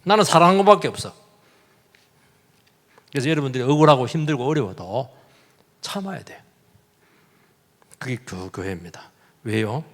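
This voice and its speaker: A man's voice: medium pitch, lively intonation, moderate pace, pauses often, a bit bright, in a large hall. A male pastor giving a sermon, talking animatedly and putting rhetorical questions to his congregation. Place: church sanctuary.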